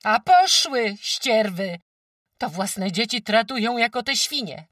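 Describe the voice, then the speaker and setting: A woman's voice: low-pitched, expressive, unhurried, a bit bright, no echo, clean studio sound, recorded from a distance, voice pushed up, heavily acted. A woman voicing a careworn peasant farm wife who talks emphatically in rustic speech, lamenting her troubles. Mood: shouting at geese. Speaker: farm housewife.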